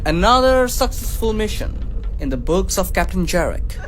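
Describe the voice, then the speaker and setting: An actor playing a vain, self-proclaimed legendary space captain who talks in a pompous, dramatic way. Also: male voice, sits high, big pitch swings, moderate pace, over music. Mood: boastful. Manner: pompous, dramatic, lovesick whining. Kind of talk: comedy audio drama acting.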